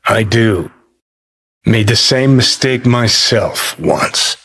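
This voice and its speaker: A man voices a cynical, brash rebel rocker in a video game, sardonic, blunt and foul-mouthed, with a serious mood. His mid-range voice is a bit bright and his pace slow.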